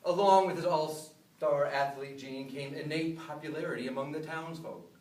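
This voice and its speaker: An American man delivering a memorized humorous speech to an audience, with deliberate pauses and self-deprecating punchlines. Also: a little high, a little mellow. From upstate New York, USA. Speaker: contestant giving a humorous club speech. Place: live speech in a room. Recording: roomy, distant mic, some noise.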